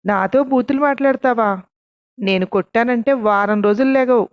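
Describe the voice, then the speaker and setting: A woman's voice: mid-range voice, brisk, dry recording, muffled recording, close to an everyday voice. Fierce scolding neighbor woman, as a woman narrator puts her on. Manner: loud, scolding. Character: angry shouting middle-aged woman neighbor, fierce.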